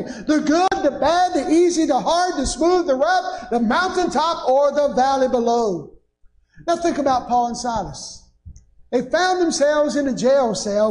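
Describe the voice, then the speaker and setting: A man's voice: very high voice, darkish tone. An older man, preaching a sermon from a church pulpit with rising, emphatic bursts. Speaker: pastor. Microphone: pulpit microphone. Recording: echoey church sanctuary.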